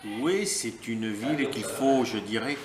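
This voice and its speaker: A middle-aged man from France, answering interview questions in a thoughtful, measured and lyrical way with pauses. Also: mid-range voice. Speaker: interviewee helping at a family guesthouse. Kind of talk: casual interview. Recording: roomy sound with crowd chatter behind.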